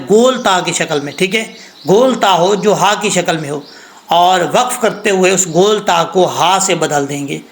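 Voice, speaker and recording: High-voiced man teaching Quran recitation. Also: a bit bright. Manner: patient explanatory teacher, slows to recite verses. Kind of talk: recorded recitation lesson.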